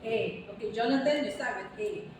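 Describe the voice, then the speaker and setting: A woman's voice: on the high side, distant mic. Woman teacher in an echoey classroom. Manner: slow, drawn-out model phrasing for students. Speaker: English teacher. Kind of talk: classroom lesson. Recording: echoey, noisy classroom from afar.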